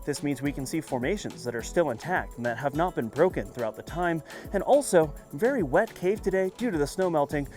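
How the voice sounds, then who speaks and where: A man's voice: on the high side, expressive, brisk, hardly any pauses, a little mellow. A man working as a cave tour guide, narrating a guided tour on location and explaining the sights as he moves along. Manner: explanatory, presenting sights on the move. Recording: music behind the voice.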